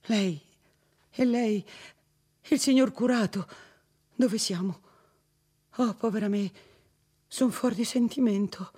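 A man's voice: high-pitched, normal speed, warm tone, breathy edge, voice pushed up. A man voicing a frightened young woman held captive, speaking in a fearful, trembling way, in an audiobook reading.

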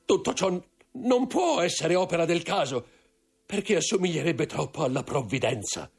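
Guy reading as a scared corsican steward, voice jumps way up, rough and husky, begging. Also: lowish voice, animated, normal speed, a little mellow, pitched above the performer's own voice. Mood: anguished. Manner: pleading, panicked outbursts. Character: terrified middle-aged male Corsican steward. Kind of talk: audiobook character voice.

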